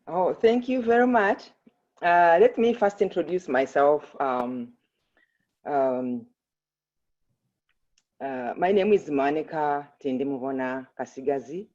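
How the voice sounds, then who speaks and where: A woman's voice: low-pitched, a little mellow, dull audio. A middle-aged woman from Uganda with a Ugandan accent, sharing a heartfelt personal story with her club. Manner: slow, earnest and heartfelt. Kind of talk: prepared personal remarks.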